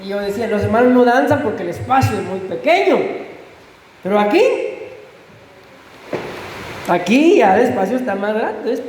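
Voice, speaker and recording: A man's voice: high-pitched, animated, moderate pace, pauses often, a little mellow, slight background noise. A man preaching a fervent sermon as pastor, often asking his congregation questions. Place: church sanctuary. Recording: echoey church hall with faint ambience.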